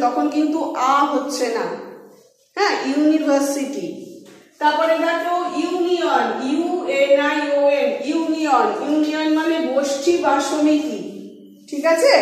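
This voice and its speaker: A woman teacher with a high voice gives a patient classroom lesson, spelling each word letter by letter. The room is very echoey, with a long reverb trailing after her. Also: darkish tone.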